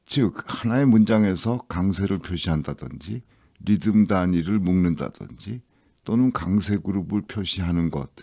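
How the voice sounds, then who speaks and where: A man teaching English listening in a lecture, explaining rules slowly and reading English examples aloud. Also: deep voice, mellow, dry recording, studio quality. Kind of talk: scripted lecture narration.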